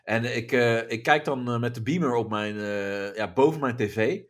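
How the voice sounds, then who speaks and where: A man in easy podcast conversation, his voice sitting at an ordinary middle pitch. He talks haltingly, restarting sentences and padding them with fillers. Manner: hesitant, many fillers and restarts. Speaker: podcast host. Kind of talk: casual chat.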